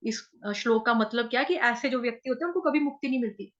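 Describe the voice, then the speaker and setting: North indian lady teaching chanting over a video call, goes syllable by syllable, high bright voice, bit muffled. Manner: explains pronunciation syllable by syllable, chants words slowly. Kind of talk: online scripture chanting lesson.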